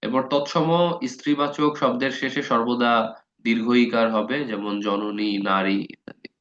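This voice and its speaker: A man giving a casual spoken grammar lesson, talking conversationally, often checking that listeners follow and stretching out words slowly to show how they are spelled. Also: medium pitch, flat delivery, fairly bright tone. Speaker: Bengali grammar teacher. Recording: dull lo-fi recording.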